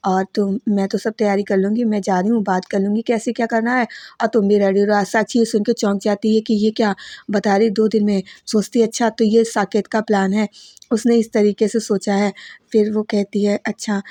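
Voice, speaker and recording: A woman's voice: medium pitch, little pitch movement, fairly quick, dark tone, dry recording. Dry-voiced woman recapping a serial. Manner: retells scenes in plain storytelling, quoting each character in her own voice. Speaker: voice-over narrator recapping a TV serial. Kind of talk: casual spoken recap.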